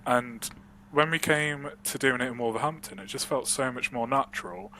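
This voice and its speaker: Candid, rambling podcast co-host. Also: male voice, medium pitch, moderate pace, sharp tone, a little hiss or hum. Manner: candid, rambling, laughs often. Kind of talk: casual podcast chat.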